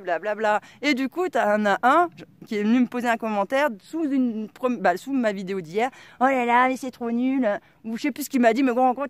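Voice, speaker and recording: A woman's voice: on the high side, dry recording. A middle-aged woman with a strong regional French accent, vlogging in a casual, rambling way, full of slang and fillers. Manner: rambling, lots of fillers like "quoi" and "euh", slangy. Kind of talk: casual vlog monologue.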